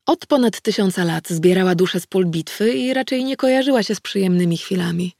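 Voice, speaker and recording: Gravelly woman narrating an audiobook. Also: medium pitch, a little fast, a little mellow, no echo, clean studio sound. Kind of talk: scripted first-person narration.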